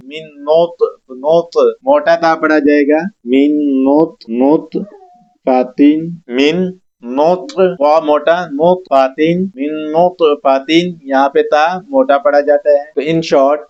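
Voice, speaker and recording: Man drilling slow, repeated letter sounds. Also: fairly high pitch. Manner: slow, repetitive, drawn-out syllables for students to copy. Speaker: Quran recitation teacher. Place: mosque classroom. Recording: dull lo-fi recording.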